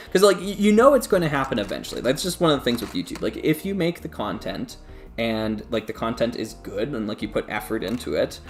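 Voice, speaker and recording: Rambling man on a live stream, gravelly. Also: on the low side. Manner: rambling, talks to chat, many restarts and laughs. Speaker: YouTube creator live streaming. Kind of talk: casual live-stream chat.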